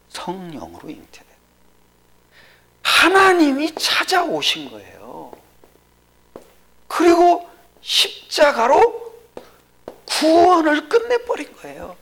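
Gravelly, whispering Korean preacher. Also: mid-range voice, a bit bright. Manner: drops to a whisper for emphasis, asks the audience questions. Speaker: pastor. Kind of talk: sermon.

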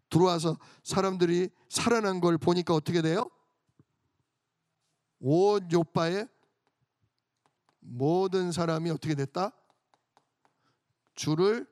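A male pastor with a notably high voice delivers an emphatic, storytelling sermon. He keeps posing questions to the congregation and answering them himself. The sound is close and dry, with no room echo.

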